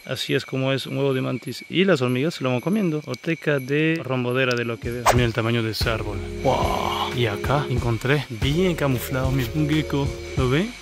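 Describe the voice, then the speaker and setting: Fast-talking, swearing jungle vlogger, man. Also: medium pitch, over loud music. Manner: excitable, swears constantly. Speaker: wildlife explorer vlogger. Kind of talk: handheld outdoor vlog narration. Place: jungle at night, outdoors. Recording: loud insect noise outdoors. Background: insects and frogs chirping.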